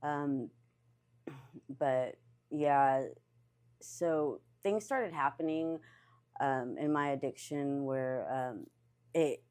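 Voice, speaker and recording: A young woman, speaking candidly in an interview, with many pauses and fillers and occasional laughter. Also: very deep voice, darkish tone. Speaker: interviewee, barista in recovery.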